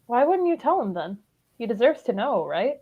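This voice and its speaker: A woman voicing a gentle, curious teenage boy, asking questions softly while reading a fan script aloud. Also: fairly high pitch, big pitch swings, moderate pace, narrow, tinny audio.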